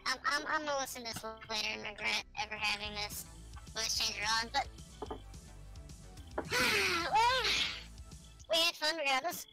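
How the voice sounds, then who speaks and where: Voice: high voice, expressive, normal speed, long pauses, music in the background, poor audio. A woman streamer chatting casually while gaming, her voice run through a voice changer filter.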